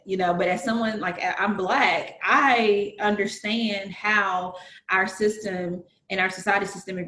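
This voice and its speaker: This guest is a Southern US woman whose mid-range voice has a fairly bright tone, captured in a roomy space with a bit of hiss or hum. Chatting casually, she works through her ideas earnestly with analogies, filling gaps often with fillers.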